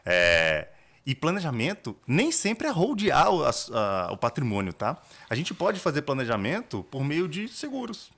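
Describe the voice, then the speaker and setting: A man's voice: a little high, huge pitch swings, unhurried, a bit bright. A man with a Brazilian Portuguese accent, a corporate lawyer explaining estate planning step by step as a podcast guest, with frequent restarts. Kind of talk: explanatory interview talk.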